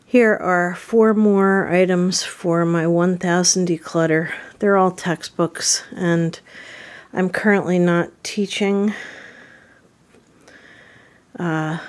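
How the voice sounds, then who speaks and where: A middle-aged woman chatting casually to camera about decluttering, unhurried and chatty with small laughs. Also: lowish voice. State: out of breath. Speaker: decluttering vlogger.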